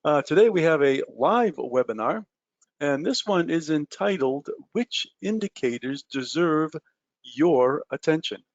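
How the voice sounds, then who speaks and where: A man's voice: fairly high pitch, lively intonation, measured pace, no room sound, dull audio. A man presenting a live trading webinar, talking to his listeners in a loose conversational way with frequent "uh" and "um" fillers. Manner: conversational, many "uh" and "um" fillers, addresses listeners directly.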